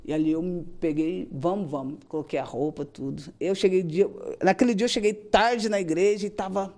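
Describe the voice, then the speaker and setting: A woman's voice: fairly low pitch, a little fast, dark tone. A woman giving an emotional church testimony, acting out her own prayers as she tells her story.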